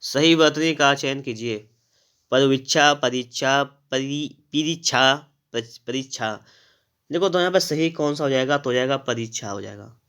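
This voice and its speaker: A man of middle pitch teaches an exam-prep spelling lesson. He talks straight to his students and checks in often. He spells out each answer step by step and says the key words again slowly. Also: fairly bright tone, clean tone. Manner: addresses students directly, with frequent "thik hai" checks. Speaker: Hindi grammar teacher.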